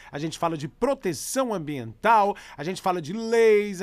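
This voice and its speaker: A man's voice: high-pitched, dry recording. A man with a Brazilian accent hosting a podcast in an effusive, informal way, talking straight to listeners. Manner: exclamatory, effusive, informal, addresses listeners directly. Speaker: podcast host. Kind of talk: animated pet podcast hosting with listener chat and story reading. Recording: music bed under the voice. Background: background music.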